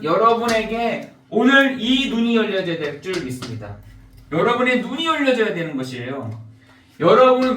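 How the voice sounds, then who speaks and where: A man's voice: high voice, bright, forceful tone, reverberant, distant mic, low-quality recording. A man preaching a sermon as a pastor, emphatic and fond of piling up rhetorical questions to his congregation. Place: church sanctuary.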